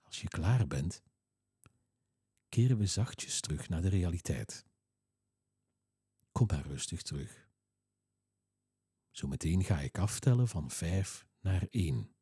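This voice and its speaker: Slow, soothing deep-voiced man, husky. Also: no room sound, studio quality. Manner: slow, soothing, calm instructions. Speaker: relaxation guide. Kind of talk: guided relaxation script.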